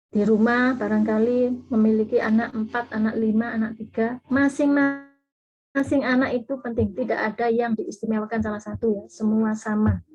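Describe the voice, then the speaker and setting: A woman's voice: a little high, darkish tone. A woman speaker giving an online parenting seminar, explaining patiently and acting out sample intonations. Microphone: video call audio. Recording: dull lo-fi video call audio.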